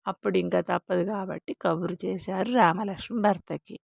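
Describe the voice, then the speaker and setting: A woman narrating a folk story in an unhurried, plainly spoken way. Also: fairly low pitch, fairly even intonation, vocal fry, no room sound, clean studio sound.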